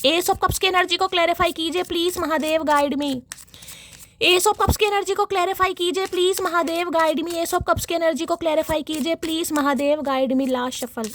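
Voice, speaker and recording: A woman giving a chatty tarot reading, talking straight to her viewers, with a dry, irritated throat that she keeps clearing. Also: extremely high pitch, steady tone, moderate pace, a bit bright, slight background noise. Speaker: tarot reader.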